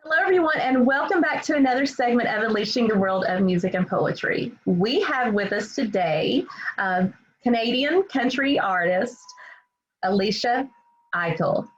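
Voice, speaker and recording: A woman's voice: on the high side, expressive, normal speed, a little hiss or hum. Gushing woman host, slightly muffled. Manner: warm, gushing, encouraging. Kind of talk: casual interview hosting. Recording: dull lo-fi sound.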